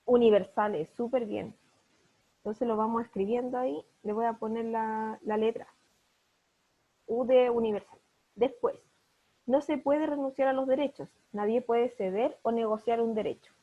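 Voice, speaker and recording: A woman's voice: fairly high pitch, moderate pace, narrow, tinny audio. Woman teacher on a video call. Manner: patient, explains each word step by step. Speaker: primary school teacher. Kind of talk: online class explanation.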